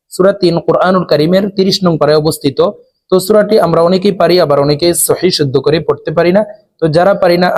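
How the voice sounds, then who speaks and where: A Quran recitation teacher with a slightly high voice leads a lesson, calmly and deliberately spelling out each letter with its vowel mark. He then chants whole words slowly, drawing out the long vowels.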